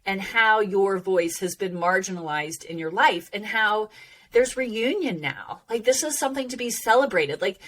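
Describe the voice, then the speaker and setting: A woman teaching informally like a self-help coach, emphatic and encouraging, with long, drawn-out sibilant s sounds and frequent check-ins. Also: medium pitch, a bit bright.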